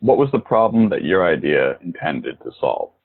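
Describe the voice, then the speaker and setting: A male podcast host reading formal questions, recorded at home and heard over a low-quality remote audio stream. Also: very animated, moderate pace, breathy edge, phone-quality sound. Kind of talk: reading a scripted introduction and interview questions. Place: recording from his own home.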